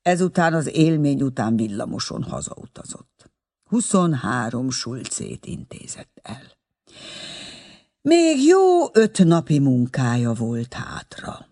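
Lively male audiobook narrator. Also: mid-range voice. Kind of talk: expressive literary narration.

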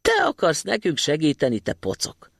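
A man voicing nervous scheming male robbers in a storybook reading, in a hushed, urgent way. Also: fairly high pitch, huge pitch swings, vocal fry, no echo, clean studio sound, heavily acted.

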